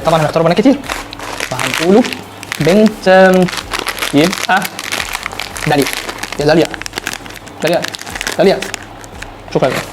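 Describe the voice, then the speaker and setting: An excitable man with an Egyptian Arabic accent rattles through a snack unboxing challenge at a fast clip. He repeats words in quick bursts. Wrappers crinkle and click clearly behind him. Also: fairly high pitch, background noise. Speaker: food challenge vlogger. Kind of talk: casual unboxing challenge chat.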